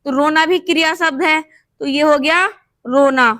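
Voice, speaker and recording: Speaking at a moderate pace, a woman with a high-pitched, slightly bright voice and fairly even intonation is heard with no room sound. She patiently explains a shorthand lesson step by step as she writes on a board. She often repeats steps and checks on the class with "thik hai."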